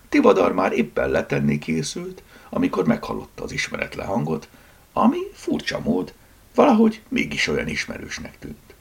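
A man reading a novel chapter aloud, expressive, slipping into whispered asides. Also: mid-range voice, creaky, breathy edge. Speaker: audiobook narrator. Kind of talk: scripted narration.

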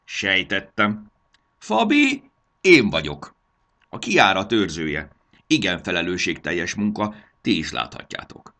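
A man voicing a cranky old male elf who guards a treasure room, with a creaky, unpleasant voice, loud, impatient and boastful. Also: deep voice, big pitch swings, voice pushed up, full character voice.

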